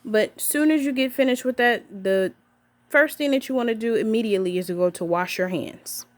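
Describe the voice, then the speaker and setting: A nurse with a fairly high voice speaks fairly quickly, giving an upbeat health lesson to camera. She addresses her viewers as "guys" and keeps checking in with them by asking "okay."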